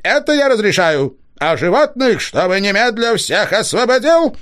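A man's voice: high-pitched, sing-song, normal speed, a bit bright, voice pushed up. A man voicing a boy who poses as a stern forest spirit, with a ringing, commanding, rolling delivery. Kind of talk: audiobook character voice.

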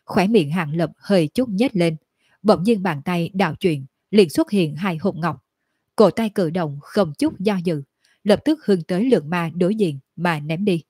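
A woman narrating a fantasy novel audiobook in a steady reading. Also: on the low side, husky, dry recording, clean studio sound.

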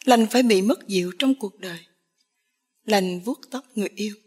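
A woman reading a dramatic story aloud in a soft, mournful way. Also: mid-range voice, normal speed, husky. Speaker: story reader.

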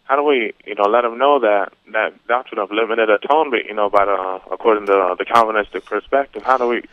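A man's voice: fairly low pitch, fairly quick, dry recording. A man calling in to a radio show, asking an earnest question in a hesitant way full of fillers, over a crackly cordless phone line that fades in and out. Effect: crackly cordless phone line fading in and out. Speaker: caller. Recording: tinny, dry phone line.

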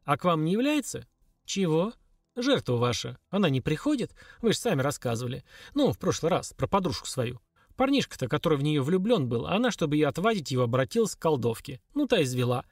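A man's voice: fairly high pitch, very animated, brisk, no echo. Guy doing a blunt suspicious young man pushing for answers, dry sound. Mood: pressing. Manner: pressing, blunt.

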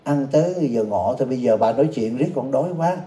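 A man's voice: mid-range voice, animated, quick pace, dark tone, lightly acted. A man voicing a timid, polite young boy novice monk, told inside a sermon in a roomy space. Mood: meek. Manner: meek, polite replies.

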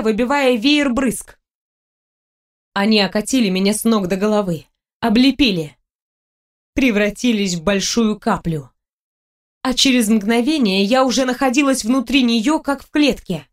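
A woman narrates a first-person fantasy novel in a calm, steady way. Her voice sits somewhat high for a woman, and her reading is even and unhurried. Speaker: audiobook narrator.

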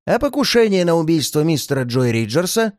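A commanding male detective from an old storybook tale, firm and measured as he lays out the charges, as a reader voices him. The delivery is close and dry. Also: mid-range voice, sing-song, darkish tone, no room sound, close to an everyday voice. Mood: stern.

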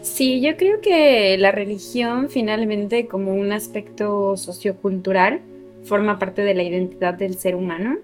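A woman hosting a spirituality radio program, speaking calmly and thoughtfully in full, articulate sentences. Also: mid-range voice, unhurried, soft background music. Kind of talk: calm spiritual reflection on radio. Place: community radio studio.

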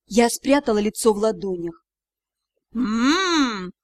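Woman audiobook narrator, high voice, emotive reading, dry close mic sound. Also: normal speed, darkish tone, no echo. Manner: emotive, dramatic. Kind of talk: expressive first-person narration.

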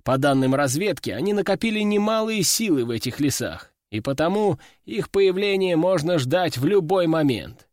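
A man narrating an audiobook in the first person, lively storytelling. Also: sits high, moderate pace, no room sound, studio quality. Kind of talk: scripted narration.

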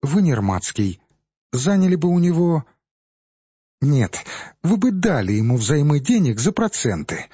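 A man's voice: very animated, unhurried, long pauses, warm tone, husky, no room sound, dull audio, exaggerated voice. A man reading an audiobook, raising his voice to play a proud, commanding young princess. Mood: teasing. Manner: raised pitch, haughty and playful. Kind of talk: audiobook character voice.

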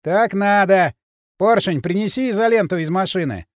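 A man's voice: sits high, moderate pace, no echo, clean studio sound, natural voice. Male reader as an unhinged lad boss, jittery and threatening. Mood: agitated. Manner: loud, nervous, menacing. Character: wild, excitable young male gang leader. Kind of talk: audiobook character voice.

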